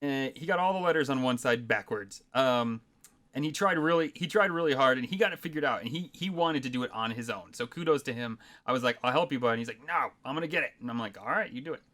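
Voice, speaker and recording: A man in his thirties with a mid-range, sharp-toned voice co-hosts a casual podcast, talking quickly and animatedly. He rambles through a long anecdote packed with fillers and laughs often.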